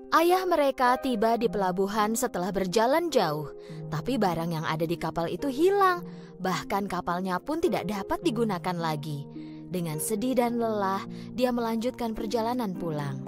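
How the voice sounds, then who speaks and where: Over background music, a woman with a mid-range voice narrates a cartoon fairy tale in an expressive storytelling style.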